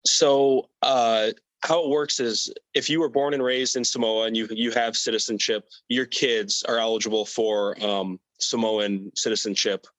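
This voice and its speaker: A young man with a lowish voice that sits close and dry on the mic, without room sound. He answers in an easygoing, casual way and often restarts words and adds fillers. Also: normal speed, dry recording, poor audio. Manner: relaxed, with frequent fillers and repeated words. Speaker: athlete guest.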